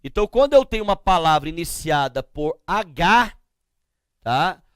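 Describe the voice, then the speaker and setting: A middle-aged Brazilian man teaching grammar to a class, slow and emphatic, asking questions and answering them himself as he spells out letters and sounds. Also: fairly high pitch, very animated, clear, resonant tone, dry recording, clean studio sound. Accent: Brazilian Portuguese.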